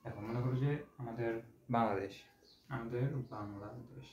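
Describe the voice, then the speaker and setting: Young male tutor, patient, mellow. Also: medium pitch, steady tone, normal speed. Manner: patient, repeats and stretches syllables to demonstrate. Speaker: teacher. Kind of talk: online exam-prep lecture. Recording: dull roomy home recording with faint hiss.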